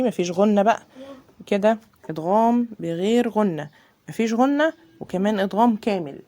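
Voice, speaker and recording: A woman with an Egyptian Arabic accent, teaching a Quran recitation lesson in a casual, chatty way and drawing out the recited examples slowly. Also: medium pitch, warm tone. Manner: explains casually, then drawls examples slowly.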